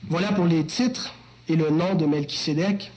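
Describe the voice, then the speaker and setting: A man's voice: fairly high pitch, moderate pace, darkish tone, rough recording. A man preaching an expository sermon, teacherly with joking asides to the congregation. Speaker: pastor.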